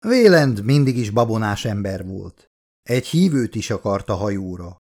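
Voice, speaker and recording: A man's voice: fairly low pitch, sing-song, a little mellow. A man reading the lines of a haughty, wealthy woman who runs an expedition, in a cool, superior, clipped manner. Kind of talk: audiobook character reading.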